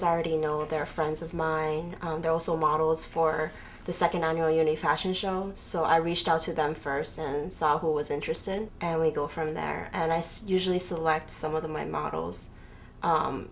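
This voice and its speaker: As an interview guest, a student fashion designer from Taiwan, a young adult woman, describes her work in response to questions. She speaks at a normal speed in a low voice with fairly even intonation. Background noise from the noisy room is clearly audible.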